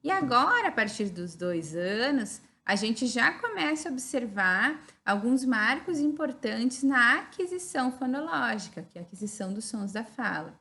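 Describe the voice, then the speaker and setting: A woman with a Brazilian Portuguese accent delivers a recorded teaching lecture in a high-ish, sharp-toned voice. She explains things step by step in a didactic way, often tagging "né?" to check in.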